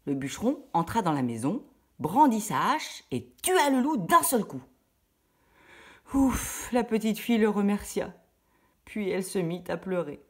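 Husky woman reading a children's story. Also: mid-range voice, normal speed. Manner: lively and expressive.

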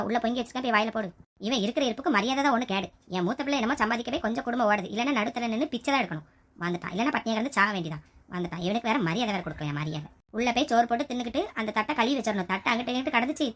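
A fierce wife rattles off threats and scolding at her drunk husband in a homemade comedy skit, acted by a woman. She talks at a breakneck pace with a high voice. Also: a bit bright.

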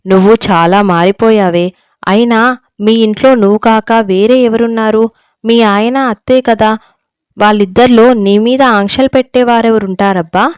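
A woman's voice: mid-range voice, fairly even intonation, normal speed, a little mellow, clear, resonant tone, dry recording, natural voice. A woman voicing a timid, anxious young wife who pleads with her friend in a storybook reading.

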